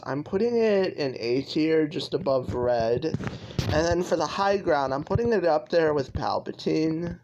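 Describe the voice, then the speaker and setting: A man's voice: fairly high pitch, creaky, muffled recording, background noise. A young man giving casual, rambling commentary over gameplay as a YouTuber, full of fillers and restarts. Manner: rambling, lots of likes and restarts. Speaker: gaming YouTuber.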